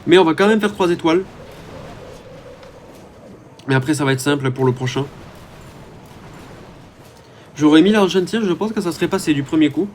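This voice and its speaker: A man's voice: on the high side, fairly quick, pauses often, darkish tone, slight background noise. Chatty man narrating his gameplay. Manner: chatty, hesitant, many "euh" fillers. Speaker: gaming YouTuber. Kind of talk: casual gameplay commentary.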